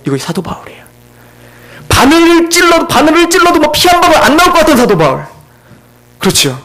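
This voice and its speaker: High-voiced emotive male pastor. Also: very animated, fast, fairly bright tone. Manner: emotive, asks the congregation questions. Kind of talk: sermon. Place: church.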